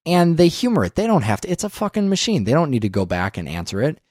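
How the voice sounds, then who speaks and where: A man co-hosting a casual film podcast, talking animatedly, swearing often and acting out scenes in quick voices. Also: a little high, wildly swooping pitch, a little mellow, no room sound, studio quality. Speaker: podcast co-host.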